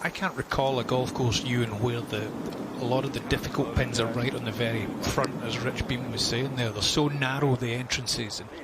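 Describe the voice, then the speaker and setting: A man's voice: medium pitch, steady tone, moderate pace, few pauses. A man giving live commentary on a golf tournament. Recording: clear outdoor ambient noise.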